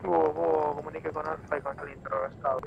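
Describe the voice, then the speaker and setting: A man's voice: on the high side, level tone, quick pace, creaky. A man heard over a radio in a game, calling in military radio procedure with clipped call signs. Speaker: command radio operator in a team game. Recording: muffled radio with background hiss.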